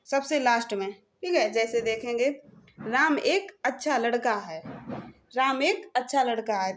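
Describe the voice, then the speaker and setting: A woman explains Hindi grammar in a high, slow voice, moving methodically and repeating her points. Along the way she works in terms and pauses regularly to check with the class, saying "theek hai" again and again.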